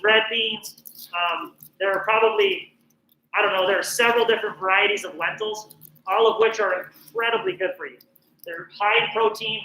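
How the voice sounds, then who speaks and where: A middle-aged man from northern New Mexico teaches a cooking class in a chatty, encouraging way, often pausing on "um." His voice sits high and sounds bright. The recording has a noticeable echo and a faint hiss underneath. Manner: chatty, encouraging, frequent "um" fillers. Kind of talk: casual cooking presentation.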